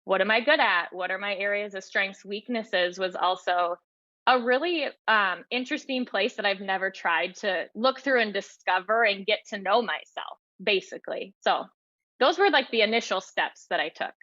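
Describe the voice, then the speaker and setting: In this reflective interview, a podcast guest who writes and teaches, 30s or older, earnestly explains her own experiences. Her mid-range voice is pushed and bright at a moderate pace, with dull audio and no echo.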